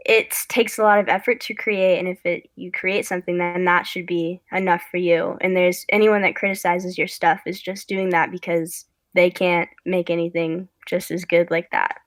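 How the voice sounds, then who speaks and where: A woman's voice: fairly low pitch, flat delivery, moderate pace, hardly any pauses, dry recording. A young woman who makes online videos, a guest on a casual podcast, chatting in a rambling way that keeps breaking off and restarting. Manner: rambling, chatty, self-interrupting. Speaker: guest, content creator.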